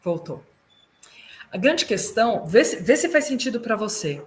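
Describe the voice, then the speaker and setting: Speaking with a Brazilian Portuguese accent at a medium pitch and moderate pace, a woman consultant and German teacher offers animated, explanatory advice on a video call. She sounds out German words to demonstrate how they're said, and a little hiss or hum runs underneath.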